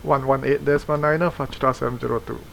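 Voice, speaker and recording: A man's voice: mid-range voice, fairly even intonation, quick pace, creaky, background noise. A man playing an airline pilot, reading clipped cockpit callouts and radio calls into a headset mic. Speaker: flight sim player acting as pilot.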